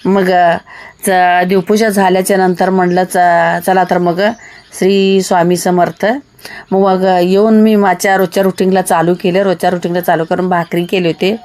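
A woman's voice: fairly low pitch, little pitch movement, moderate pace, darkish tone. A woman, chatting homely and repetitive to her viewers in a casual home vlog. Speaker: vlogger. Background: child crying at times.

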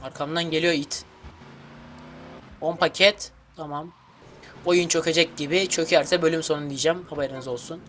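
A man giving let's play commentary as a gaming YouTuber, excitable and grumbling, cursing at the game. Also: fairly high pitch, moderate pace, long pauses, a little hiss or hum.

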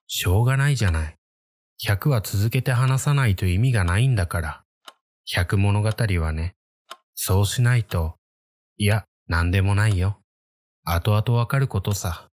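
A man's voice: fairly low pitch, normal speed, darkish tone, dry recording, clean studio sound, natural voice. A man voicing a teasing, secretive boy who tells eerie ghost tales and talks straight to the listener. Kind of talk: conversational ghost story framing.

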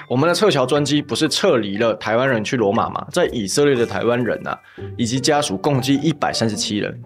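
A man hosts a political commentary vlog, reading a post aloud and mocking it with sarcastic scolding. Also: medium pitch. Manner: reads a social media post aloud with commentary. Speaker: YouTube commentator host.

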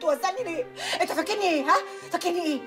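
A woman's voice: very high-pitched, very fast, music in the background. An actress with an Egyptian accent playing a proud young woman who scolds sharply and defends her honor. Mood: indignant. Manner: sharp, scolding, tearful outbursts. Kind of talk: TV drama acting.

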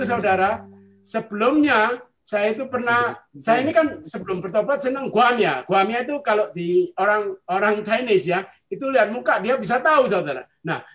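A man's voice: high-pitched, fairly bright tone. A man giving an earnest personal faith testimony over a video call, often addressing his listeners directly. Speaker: church testimony speaker.

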